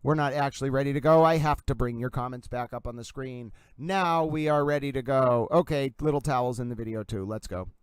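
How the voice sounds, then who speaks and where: A man's voice: mid-range voice, brisk, hardly any pauses, clean tone, no room sound. A man hosting a livestream in a mock sports-commentary style, showy and emphatic, repeating catchphrases. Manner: showman-like, emphatic, repetitive catchphrases.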